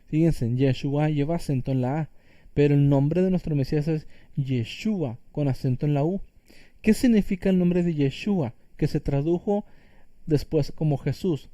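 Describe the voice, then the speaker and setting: A man teaching scripture in an earnest, explanatory sermon style, circling back on his phrases to stress them. His voice is very dark and mellow, sitting a bit higher than most men's. The sound is close and dry. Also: normal speed, no room sound. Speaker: teacher of Torah portion.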